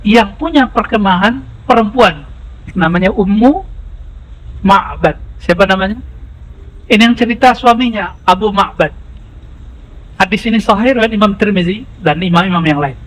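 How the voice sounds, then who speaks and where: A man preaching an Islamic sermon, telling stories animatedly and often adding a quick "ya" to his sentences. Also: low-quality recording. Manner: animated, rises in pitch when telling dramatic moments; often punctuates with "ya".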